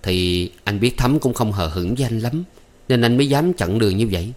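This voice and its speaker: A man's voice: on the low side, animated, brisk, darkish tone, lightly acted. A man reading a story aloud, voicing an eager, coaxing young master. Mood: insistent. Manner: coaxing, insistent, playful. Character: young rich man, eager, teasing suitor. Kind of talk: audiobook character voice.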